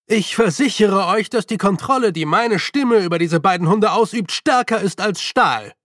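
Man doing a slick young con man, assured, commanding shouts, fairly high voice, dry audiobook sound. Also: lively intonation, normal speed, no room sound. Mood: confident. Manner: assured, raised commanding calls. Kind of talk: audiobook character voice.

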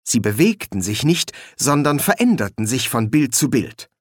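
Lively expressive male audiobook narrator. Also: medium pitch, normal speed, dry recording, clean studio sound. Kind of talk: scripted narration.

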